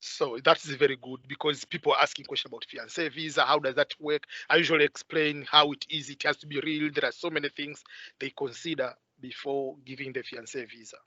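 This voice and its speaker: A man with a rather high, bright voice hosts an interview over a video call. He pauses often with hesitant fillers. The sound is dry and somewhat dull, like call audio. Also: steady tone, no room sound. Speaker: host.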